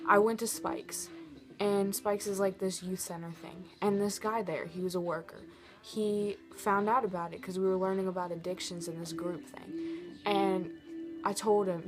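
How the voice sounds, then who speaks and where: A teenage girl telling a personal story in a confessional vlog, earnest and halting, with many restarts. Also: mid-range voice. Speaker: vlogger.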